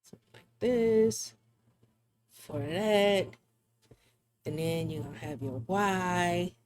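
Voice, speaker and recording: A woman's voice: on the low side, slow, darkish tone. A woman hosting a live drawing stream, chatting casually and laughing often as she thinks aloud. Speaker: livestream art host.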